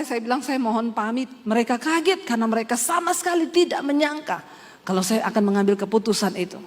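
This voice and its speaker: A woman pastor in her forties, from Poso, giving an earnest personal testimony and acting out remembered dialogue. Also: high voice. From Poso, Indonesia. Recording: long reverb of a large hall.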